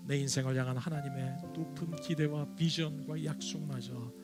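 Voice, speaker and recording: A man's voice: a little high, steady tone, moderate pace, over loud music. A man preaching a Sunday sermon as pastor, earnest and dramatic, acting out the quotes he tells. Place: church sanctuary.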